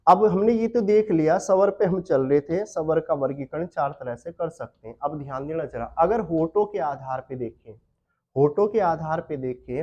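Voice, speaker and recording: A man teaching a Hindi grammar class for exam prep. He asks questions, answers them himself, and repeats key terms slowly. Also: on the high side, darkish tone. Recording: dull lo-fi sound.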